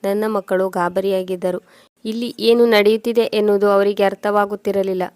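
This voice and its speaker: A woman reading a sorrowful first-person story in a steady way. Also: medium pitch, moderate pace, no room sound.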